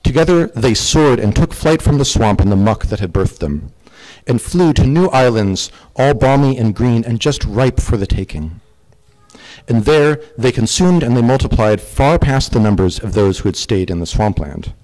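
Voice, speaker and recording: A man's voice: mid-range voice, animated, normal speed, a little mellow, rough recording. Man reciting a rhythmic poem. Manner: rhythmic, lilting meter. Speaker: poetry reciter. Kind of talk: poetry recitation.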